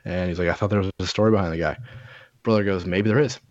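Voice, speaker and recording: A man with a very low voice tells stories in loose, rambling casual chat, full of fillers and swearing. The sound is dry and a little dull and lo-fi, with no room around it. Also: steady tone, quick pace, no echo. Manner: rambling storyteller, profane, lots of fillers.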